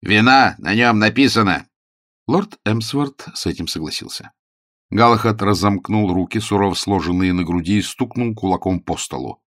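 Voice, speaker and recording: A man narrating an audiobook in a wry, measured storytelling manner. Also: sits low, no room sound, clean studio sound. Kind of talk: scripted narration.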